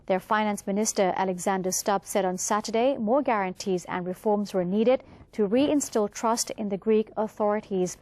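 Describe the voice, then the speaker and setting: A woman's voice: medium pitch, moderate pace, hardly any pauses, a little mellow, no echo. A woman with a Thai accent presenting a news bulletin, reading from a script.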